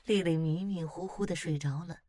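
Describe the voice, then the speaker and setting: A woman narrating a ghost story at a calm, steady pace. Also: deep voice, moderate pace, no echo, clean studio sound.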